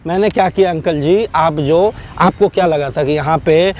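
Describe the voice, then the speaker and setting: Male vlogger, high voice, berating and repeating himself, confrontational street segment. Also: normal speed, a little mellow, a little hiss or hum. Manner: scolding, lecturing, repetitive.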